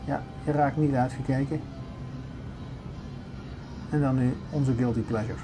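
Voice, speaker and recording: Over music, an older man in a mid-range, fairly even voice narrates his shopping trip through a large supermarket without hurrying. This casual vlog has him chatting and showing off items as he walks.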